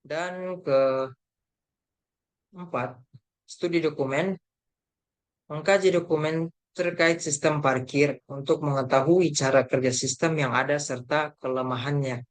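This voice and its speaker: A young man, a university student, presenting a group report by reading his slides aloud, with halting delivery, restarts and fillers. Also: a little high, steady tone. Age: young adult. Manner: reads haltingly, with self-corrections and fillers.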